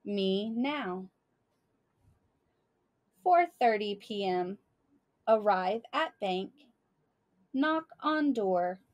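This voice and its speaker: A woman reading a children's book aloud to listeners in an expressive, deliberate way. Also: medium pitch, dull audio. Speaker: storyteller.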